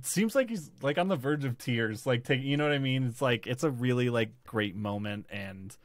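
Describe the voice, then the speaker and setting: A man's voice: medium pitch, lively intonation, moderate pace, dry recording. A man hosting a podcast, talking casually and rambling with lots of fillers and restarts. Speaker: podcast host. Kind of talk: casual chat about a TV series.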